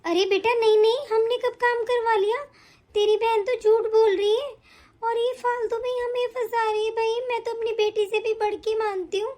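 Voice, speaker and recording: A woman's voice: very high-pitched, level tone, moderate pace, darkish tone. Woman putting on a scheming old auntie. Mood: defensive. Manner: sweet-talking, defensive, fake self-pity. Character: scheming older mother-in-law type woman, sly.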